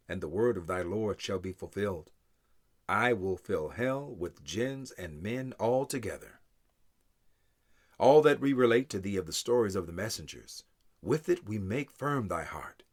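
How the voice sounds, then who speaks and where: A low-voiced man reads scripture in English, keeping his tone solemn and his pace measured. Every phrase is deliberate, opening with weight and falling away at its end.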